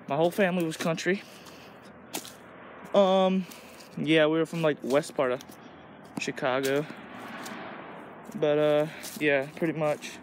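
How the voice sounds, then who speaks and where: Teen guy from illinois rambling on a woods walk, phone mic, traffic and outdoor noise behind. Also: on the high side. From Illinois, USA. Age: teens. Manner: rambling, crude, loose talk with lots of "like". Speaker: vlogger. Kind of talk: casual walking vlog. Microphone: phone camera held while walking. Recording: noisy outdoor phone recording.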